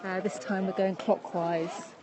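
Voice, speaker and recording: Walking along a crowded lakeside, this woman from England streams live on her phone in a chatty, easygoing way, often laughing and using fillers. She speaks unhurriedly at a medium pitch with a level tone, and crowd noise can be heard.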